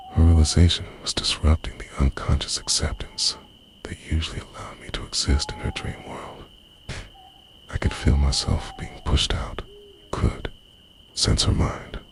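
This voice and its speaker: A very deep male voice narrates a romantic ASMR roleplay from a script. He keeps it hushed and breathy in a confessional tone, often sliding into a whisper.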